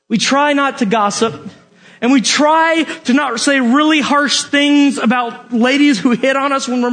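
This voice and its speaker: A young man preaching a sermon, asking his listeners direct questions and telling animated stories with jokes. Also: extremely high pitch. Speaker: youth pastor.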